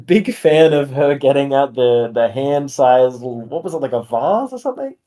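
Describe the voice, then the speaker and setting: A man's voice: medium pitch, expressive, normal speed, dark tone. A man co-hosting a casual review podcast, talking in a laid-back, slangy and amused way. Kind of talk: casual chat.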